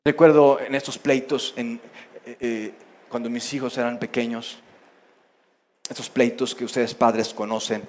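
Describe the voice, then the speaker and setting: A male pastor preaching theatrically, at times dropping to a soft, near-whispered voice. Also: mid-range voice, steady tone, a little slow, slight background noise. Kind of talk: sermon.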